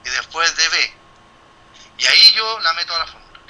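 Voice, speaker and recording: Bright-voiced man teaching a class. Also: a little high, expressive, normal speed, rough recording. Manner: thinking aloud, with many restarts and rhetorical questions. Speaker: university lecturer. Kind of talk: classroom explanation.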